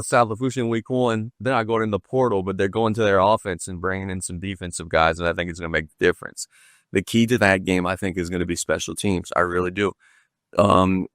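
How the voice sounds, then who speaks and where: A middle-aged man, his voice very low, breaks down high school football in a measured, analytical way. He talks through questions and answers them himself. The recording is dry, with no room echo. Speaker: guest sports analyst. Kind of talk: casual sports talk.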